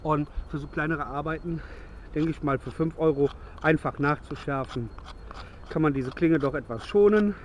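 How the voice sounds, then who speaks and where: A man in his thirties rambles cheerfully through a gear demo in the woods as dusk falls, correcting himself along the way. His voice sits somewhat high. He is close to a handheld camera, with faint outdoor noise behind him. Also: normal speed. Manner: chatty, rambling, self-correcting. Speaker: bushcraft vlogger.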